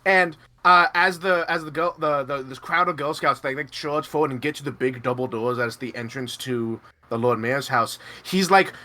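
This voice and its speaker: A man's voice: medium pitch, normal speed, few pauses, pushed and bright. A man narrating a tabletop role-playing game as game master, rambling energetically with many fillers.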